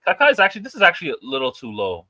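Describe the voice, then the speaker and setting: A man's voice: fairly high pitch, huge pitch swings, rapid-fire, pushed and bright. A man in his late twenties, arguing football in casual chat, emphatic and repetitive, calling people bro. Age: 20s. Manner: emphatic, repeats himself, says bro a lot. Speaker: podcast co-host.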